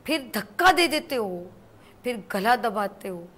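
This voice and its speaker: A woman hosting a studio talk show from Pakistan, speaking in an emphatic, preachy way that builds to forceful warnings. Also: on the high side, sing-song. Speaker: morning show host.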